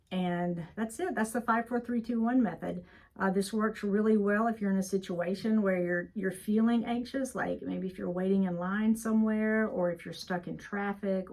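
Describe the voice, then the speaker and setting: A woman therapist with a creaky voice talks listeners through a calm grounding exercise in an informal, unscripted way, recorded in an office. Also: mid-range voice, poor audio. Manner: conversational, unscripted, filler-heavy. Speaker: therapist teaching a mindfulness exercise. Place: office, indoors.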